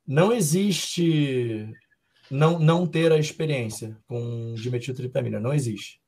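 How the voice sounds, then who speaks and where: A young Brazilian man, a fighter being interviewed, who answers in a calm, reflective and philosophical way. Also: medium pitch, a little slow, slightly rough. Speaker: MMA fighter guest.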